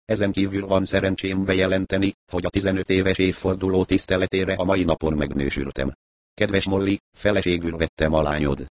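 A man reading the part of a scheming, crow-like old uncle with a croaking voice, in an audiobook. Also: deep voice, fairly even intonation, no room sound, natural voice. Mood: gloating.

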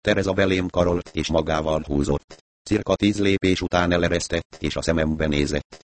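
A man narrating a novel as an audiobook reader, in a calm, steady storytelling manner. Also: low-pitched, no room sound. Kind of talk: scripted narration.

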